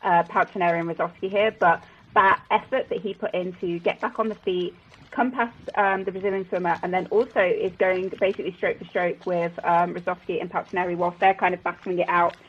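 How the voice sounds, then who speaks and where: A woman's voice: lowish voice, steady tone, a little fast, slightly rough, highs cut off. A woman giving live sports commentary as color commentator, enthusiastic and full of fillers and restarts.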